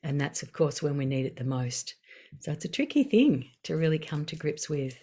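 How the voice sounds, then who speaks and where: Calm low-voiced woman guiding. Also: slightly rough. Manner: calm, unhurried, gently guiding with pauses. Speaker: wellbeing session facilitator. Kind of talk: guided self-care talk.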